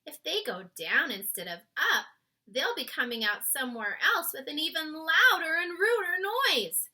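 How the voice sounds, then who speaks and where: Woman voicing a prim, high-pitched young girl. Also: very animated, measured pace, pushed and bright, full character voice. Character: young girl, polite, patient, curious.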